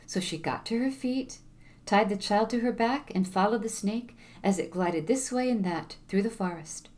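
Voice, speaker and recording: A woman storyteller narrating a fable in a measured, expressive reading. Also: medium pitch.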